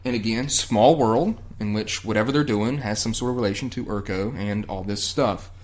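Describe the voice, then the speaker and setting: A male podcast host talks through an episode recap in a relaxed, chatty way. His speech is loose and profane, padded with ums and uhs. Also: on the low side, normal speed. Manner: loose and profane, many fillers. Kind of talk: casual chat, recapping a TV episode.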